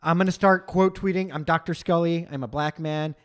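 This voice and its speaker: A man's voice: a little high, clear, resonant tone. Teasing man co-hosting a podcast. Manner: quick, animated, teasing, profane. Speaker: podcast co-host. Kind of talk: casual comedic podcast chat.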